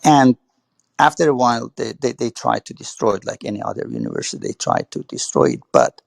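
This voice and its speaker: Gravelly husky man, hesitant. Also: medium pitch, a little mellow, no room sound. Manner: hesitant, repeats words and says "you know". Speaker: speaker in an audio chat room. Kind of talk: casual spoken remarks.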